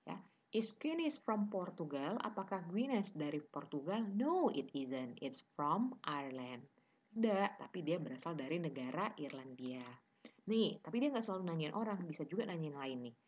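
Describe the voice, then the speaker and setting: Indonesian-accented woman, English teacher, low husky voice, slow drill reading, dull lo-fi audio. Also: animated. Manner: mixes Indonesian and English, drills word pairs slowly. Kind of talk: online class lecture.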